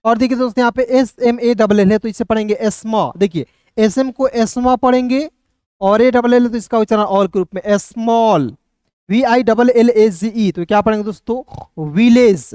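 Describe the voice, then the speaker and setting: A man's voice: high voice, normal speed, darkish tone, clean tone, dry recording, clean studio sound. A man teaching beginner English phonics, asking and answering his own questions over and over.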